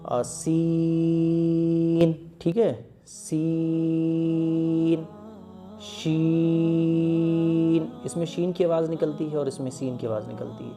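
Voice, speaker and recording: Guy teaching quran letters slow and patient, kinda high voice, mellow, faint music behind. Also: gravelly. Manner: patient, drawn-out letter sounds, frequent check-ins. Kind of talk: step-by-step lesson teaching Arabic letters.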